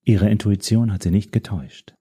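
A man voicing a calm, mysterious woman informant who speaks in a measured, quietly menacing way. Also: on the low side, slightly rough. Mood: cool, composed.

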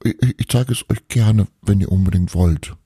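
A man's voice: on the low side, normal speed, dark tone, breathy edge, dry recording, studio quality, voice pushed up. A man voicing a grumpy, tradition-loving old Santa Claus who stammers and mumbles sulkily. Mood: sulky.

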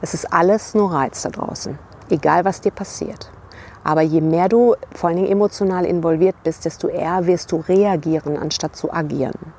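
A woman's voice: lowish voice, brisk, a little mellow, a little hiss or hum. A woman giving a motivational talk to camera outdoors by a river, speaking reflectively to the viewer as a leadership coach and checking in with short tag questions.

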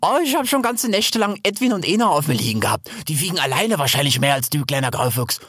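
A man's voice: fairly high pitch, very animated, fairly quick, dry recording, clean studio sound, pitched above the performer's own voice. A man voicing a young female wild sow in a storybook reading, chatty and teasing.

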